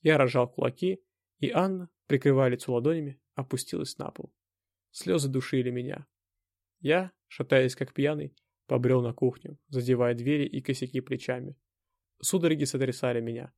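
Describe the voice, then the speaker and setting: A man narrating a dramatic audiobook in the first person, in a tense, measured way. His mid-range voice has a gravelly edge. The recording is close and dry, with no room sound. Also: medium pitch, fairly even intonation, darkish tone, no echo.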